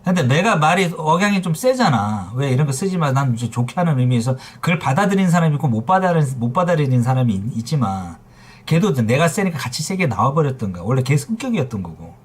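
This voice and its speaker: Middle-aged man, husky voice, lively swooping pitch, blunt profane livestream rant. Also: quick pace. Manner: blunt, profane, heated storytelling. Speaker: phone repair shop owner streaming live.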